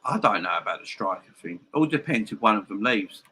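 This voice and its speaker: A man's voice: on the low side, lively intonation, a little fast, bright, forceful tone, husky. A man hosting a casual football live stream, repeating phrases for emphasis, with a slight lisp from a missing front tooth. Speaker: football fan channel live stream host. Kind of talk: casual live-stream chat and football opinion, addressing viewers.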